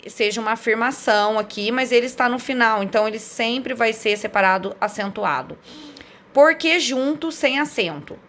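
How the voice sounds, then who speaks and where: A woman's voice: fairly high pitch, a bit bright. A woman teaching a grammar lesson, explaining step by step and often checking with "né?". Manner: explanatory, asks and answers her own questions, frequent "né?".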